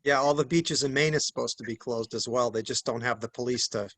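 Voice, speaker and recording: A man's voice: medium pitch, a little fast, fairly bright tone, no room sound. A man chatting on a group video call, telling stories with dry jokes.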